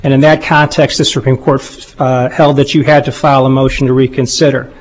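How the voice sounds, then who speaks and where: A man making a formal legal argument in a courtroom, speaking deliberately and deferentially as an appellate lawyer. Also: medium pitch, little pitch movement. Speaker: lawyer arguing an appeal. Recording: dull, muffled courtroom recording.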